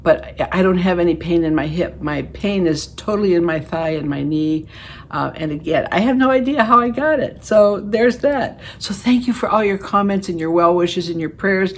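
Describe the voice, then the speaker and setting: A woman's voice: lowish voice, moderate pace. Chatty, folksy woman in her late seventies. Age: 70s. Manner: chatty and folksy, with laughs and self-deprecating jokes. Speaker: beauty vlogger. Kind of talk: casual chat to camera. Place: her living room.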